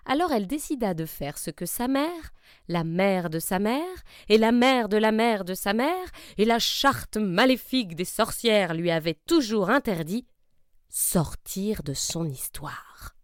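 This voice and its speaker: A woman narrating a children's story, expressive and lively. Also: mid-range voice, a little slow, dry recording, studio quality. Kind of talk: storybook reading.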